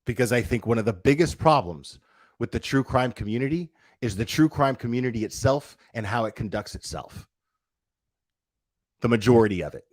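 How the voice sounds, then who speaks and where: Ranting on a livestream, a male online commentator is blunt, profane and combative, asking rhetorical questions and repeating himself to drive points home. His medium-pitched, darkish voice moves with lively intonation at a moderate pace, with no room sound.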